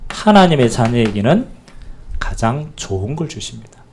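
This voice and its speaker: A man pastor preaching a sermon, animated and calling out to the congregation for amen. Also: medium pitch, moderate pace, slight background noise.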